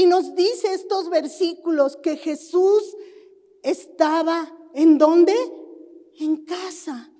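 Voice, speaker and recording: A middle-aged woman pastor with a high, mellow voice preaches at an unhurried pace. She tells her stories with animation and acts out other people. Her voice rings with the long reverb of a church hall. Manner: animated storytelling, acting out neighbors. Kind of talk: sermon. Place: church sanctuary.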